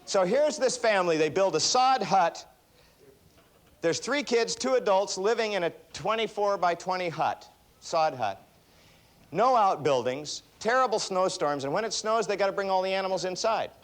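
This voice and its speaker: Brief: man giving a motivational seminar, fairly high voice, lively self-mocking storyteller. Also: normal speed. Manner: animated, self-deprecating storyteller. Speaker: motivational speaker. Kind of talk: seminar talk with anecdotes.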